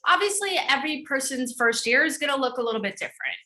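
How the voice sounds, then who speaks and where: A middle-aged woman from the Chicago suburbs hosts an online open house panel. She talks in an upbeat, chatty way with easy fillers. Her voice is bright and sits a little high. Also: big pitch swings, quick pace. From northern suburbs of Chicago. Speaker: student programs director hosting a panel.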